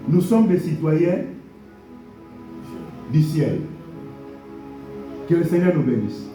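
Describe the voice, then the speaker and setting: Soft background music accompanies a pastor whose fairly high, mellow voice is animated yet slow. Preaching in a church hall, he repeats key phrases and blessings and gets call-and-response amens from the congregation, recorded from far off in an echoey space.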